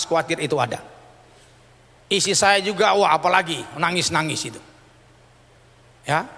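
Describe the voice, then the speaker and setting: A man's voice: fairly high pitch, vocal fry. A middle-aged man, a pastor, telling a personal testimony in a sermon, acting out the people in his story as he goes. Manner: animated storytelling, acting out dialogue. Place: church sanctuary. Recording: church hall reverb.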